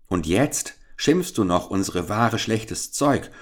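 A man's voice: fairly low pitch, lively intonation, takes it slowly, pitched above the performer's own voice. A man reading a fairy-tale audiobook, voicing a bold little boy who scolds an old woman indignantly.

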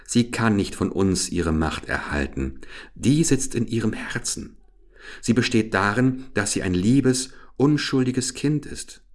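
A man's voice: lowish voice, expressive, a little slow, pitched above the performer's own voice. A man voicing an old Finnish wise woman in a fairy tale, speaking earnestly with raised emphasis.

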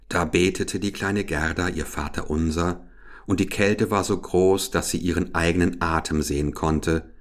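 Deep-voiced man reading a fairy tale. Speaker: narrator.

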